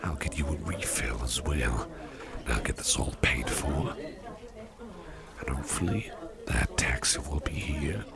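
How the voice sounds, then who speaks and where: In an ASMR personal attention roleplay, a man plays a kindly, protective businessman boss, speaking in a very deep, gravelly, breathy murmur that is gentle, reassuring and soft. He is unhurried with lively intonation and heavily acted, his mood warm and gentle. A noisy crowd is audible, with clear background noise and ambience.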